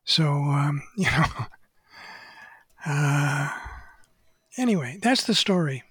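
An older man, an author being interviewed, recounting stories slowly and hesitantly with many pauses. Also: fairly high pitch, expressive, slightly rough, no room sound. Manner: hesitant, many "uh" pauses, quotes others in a hushed voice. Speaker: author and photographer interviewed as guest. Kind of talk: unscripted storytelling interview.

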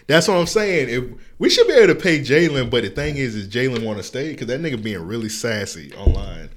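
A man's voice: mid-range voice, lively intonation, a little fast, a bit bright. A man chatting casually about football, blunt and cursing freely. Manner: blunt, casual, swears a lot. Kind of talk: casual sports chat.

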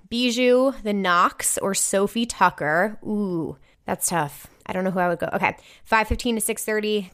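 A young woman from New Jersey with a matching American accent hosts a podcast, reading listener emails aloud and reacting effusively with slang, casual talk and some swearing. Her voice is mid-range, fairly bright and clean.

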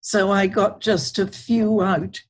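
An older woman speaks as a podcast guest. She answers at a slow, measured pace, with a slightly husky tone, and she sounds reflective. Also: medium pitch, flat delivery. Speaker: guest, culinary historian. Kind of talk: podcast interview.

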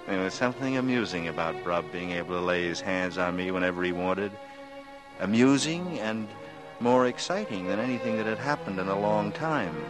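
Brooding noir killer Dix. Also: male voice, rough recording. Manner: low, measured, menacing narration. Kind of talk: 1940s radio drama narration.

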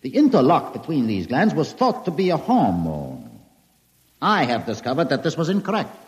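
Raspy, pompous mad doctor. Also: male voice, on the high side, huge pitch swings, moderate pace, full character voice. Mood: gloating, lecturing. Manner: pompous, formal, theatrical. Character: mad male German doctor posing as deranged count, gloating, grandiose. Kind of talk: old-time radio drama acting.

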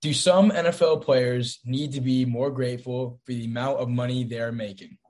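A man's voice: mid-range voice, steady tone, moderate pace, darkish tone. A young man hosting a casual sports podcast, teasing and confident, steering it from segment to segment. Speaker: podcast host.

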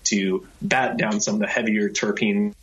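A distiller speaking in a casual interview, explaining the process technically and hesitantly. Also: male voice, on the low side, flat delivery, moderate pace, lo-fi sound. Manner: hesitant, technical, many fillers.

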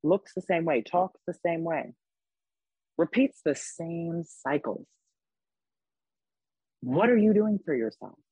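A man's voice: fairly high pitch, expressive, takes it slowly, pauses often, darkish tone, husky, dry recording, low-quality recording. A young man hosting a casual podcast chat, talking emphatically and swearing freely. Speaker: podcast host.

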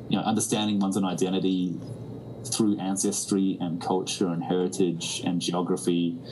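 A musician guest from New Zealand gives a reflective interview, speaking slowly in a very low, mellow voice and often circling back to restart a thought amid plenty of fillers. The recording is rough, with faint ambient noise underneath.

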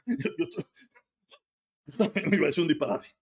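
A Cuban man with a Cuban accent hosts a casual livestream, answering viewer comments in a heated, argumentative manner. His slightly high, gravelly voice has lively intonation, and he talks fast and repeats himself, with slight background noise present.

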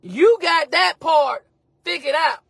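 A woman preacher, giving a motivational sermon with call-and-response, shouting and half-singing. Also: extremely high pitch, animated, takes it slowly, creaky, dry recording.

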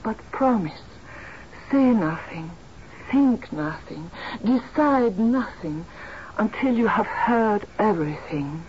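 An actress playing an anxious, evasive daughter in a drama, speaking with guarded urgency. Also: female voice, mid-range voice, expressive, slow pace, highs cut off, noisy background. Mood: guarded, careful. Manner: urgent, pleading. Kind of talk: screen drama acting.

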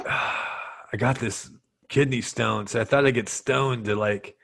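A man's voice: mid-range voice, fairly even intonation, takes it slowly, vocal fry, fairly bright tone, heavily acted. A man playing a stoned, laid-back pothead patient with a stoner drawl in an improvised comedy sketch. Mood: hazy, friendly.

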